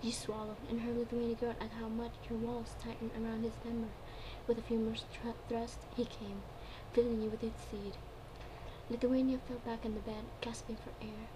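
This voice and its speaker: A woman's voice: a little high, flat delivery, moderate pace. A woman giving an amateur dramatic reading of a story, now and then stumbling over her words and repeating phrases. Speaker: fan fiction reader. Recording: clearly noisy home recording.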